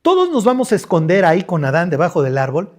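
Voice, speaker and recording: A middle-aged pastor with a Mexican Spanish accent preaches a lively, conversational sermon, joking, using slang and acting out scenes. His voice sits high, and he talks fast.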